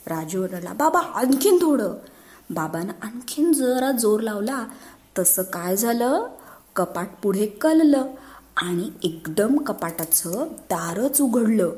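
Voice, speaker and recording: A woman telling a children's story in an expressive way, playing up sound words. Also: medium pitch, takes it slowly.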